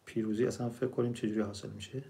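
Male preacher, storytelling sermon, slow recitations. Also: mid-range voice, fairly even intonation, creaky, mellow. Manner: explains word meanings, recites verses slowly.

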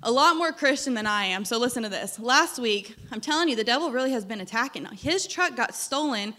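A young woman preaching with a high, bright voice. She preaches in an animated storytelling way and laughs when uncomfortable. Her voice is still recovering from being lost. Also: brisk. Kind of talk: sermon.

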